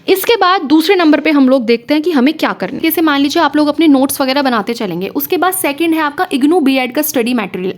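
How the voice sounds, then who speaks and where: Young woman exam coach, high voice, chatty screen-share lesson with frequent check-ins. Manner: chatty, repeats "है ना" and "ठीक है" to the listener.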